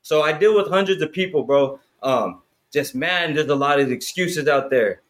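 A man's voice: a little high, normal speed. A man in his thirties talking in a casual chat, profane and hyped, filling his talk with "bro" and "right?". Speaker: podcast guest.

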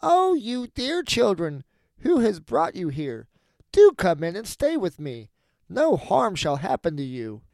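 Man putting on an old wicked witch, high-pitched. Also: huge pitch swings, a little slow, darkish tone, dry recording, heavily acted. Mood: falsely sweet. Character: very old wicked witch, female, sly, mocking, bossy. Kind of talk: storybook fairy tale character voice.

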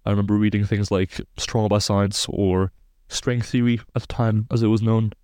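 A man's voice: on the low side, flat delivery, normal speed, a little mellow, clean tone, no room sound, studio quality. A man in his twenties from Belgium, a sports science researcher, explaining studies precisely and technically as a podcast guest. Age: 20s.

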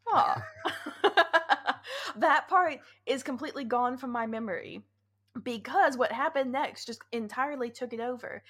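A woman's voice: fairly high pitch, a bit bright. A woman in her thirties co-hosting a podcast, telling stories in a casual chat and laughing often. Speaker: podcast co-host.

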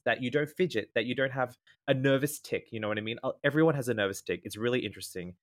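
An Australian man, a guest speaker and former event MC, earnestly lays out advice in ordered points during a casual interview. His mid-range voice has a fairly bright tone and a slightly nasal quality.

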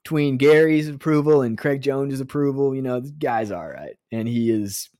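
A man talks through his podcast, heartfelt and emotional one moment and teasing the next. His voice sits in a middle pitch and is recorded close and dry, with no room sound around it. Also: normal speed, mellow, no echo. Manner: earnest and emotional, with joking sarcasm. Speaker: podcast host. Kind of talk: casual monologue.

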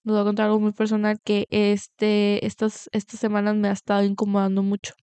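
A woman's voice: mid-range voice, completely flat delivery, a little fast, warm tone, smooth, no echo. A young woman in her twenties, raised in the US after moving there at twelve, telling a personal story in a candid, rambling way. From Latin America, moved to the US at twelve. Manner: candid, rambling, with restarts and "bla, bla, bla". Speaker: podcast host. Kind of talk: personal confessional monologue.

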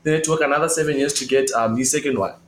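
A man's voice: on the high side, racing, crowd noise, low-quality recording. A young man co-hosting a casual faith podcast, talking earnestly and rambling with many fillers. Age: young adult. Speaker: podcast co-host.

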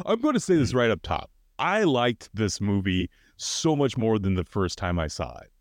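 A man's voice: fairly low pitch, big pitch swings, moderate pace, dry recording, clean studio sound. A man co-hosting a casual film podcast, talking loosely with many fillers and restarts. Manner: loose, hesitant, lots of fillers. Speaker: podcast co-host.

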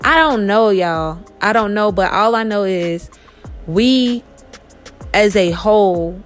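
A woman's voice: mid-range voice, expressive, slow. Woman, 30s, podcast host, casual chatty monologue, faint music behind. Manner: chatty, talks straight to listeners with "y'all".

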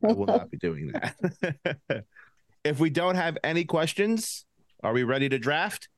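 A man's voice: fairly high pitch, big pitch swings, unhurried, no echo, studio quality. Lisping man hosting a podcast. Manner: lisp, laughs often. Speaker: podcast host running a game draft. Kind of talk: casual podcast chat.

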